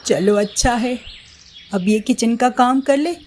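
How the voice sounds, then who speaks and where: A woman's voice: a little high, unhurried, darkish tone, a little hiss or hum, lightly acted. A woman voicing a fussy, watchful mother-in-law in a storybook, suspicious and particular about cleanliness. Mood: kindly. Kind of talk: storybook voice acting.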